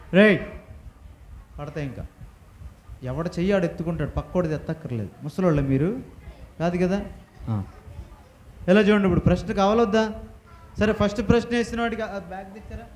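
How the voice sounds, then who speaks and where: Guy running a kids bible class, lots of questions, tells them to say it louder, echoey hall. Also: sits high. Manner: quizzing the class with rapid questions; commanding the kids to repeat and answer loudly. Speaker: Bible school teacher. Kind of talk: interactive Bible lesson for children. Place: church hall with children.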